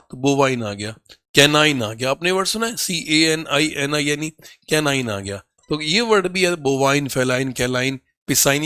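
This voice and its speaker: A hoarse man with a higher voice, teaching an exam vocabulary class and reading words. He talks to the students as if they were his own children and drills them with quick questions that he answers himself. The sound is dry and close. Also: sharp tone, no echo. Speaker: English teacher for competitive exams. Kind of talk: Hindi exam-prep vocabulary lesson.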